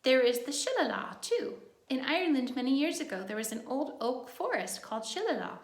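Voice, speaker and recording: A woman with a fairly high, noticeably creaky voice reads a children's book aloud like a teacher, very animated and a little fast. She pauses the text for simple, encouraging asides to young listeners, and the room adds a clear echo.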